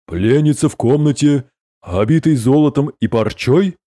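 A man voicing a calm, cold male sorcerer who speaks in a cutting, sarcastic way. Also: medium pitch, moderate pace, dry recording, clean studio sound, pitched above the performer's own voice, close to an everyday voice.

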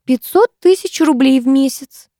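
A woman's voice: moderate pace, dark tone, no echo, clean studio sound, close to an everyday voice. A woman voicing a self-pitying, grasping poor widowed mother who whines and wheedles. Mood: whining. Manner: whining, self-pitying, shrill.

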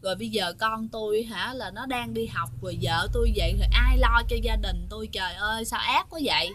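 A woman's voice: medium pitch, brisk, fairly bright tone, lightly acted. A woman voicing the anguished ghost of a man who was buried alive, lamenting.

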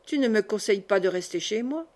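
A woman reading the part of an earnest young male worker in love, speaking tenderly and gravely in an audiobook. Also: medium pitch, expressive, fast talker, a little mellow, lightly acted.

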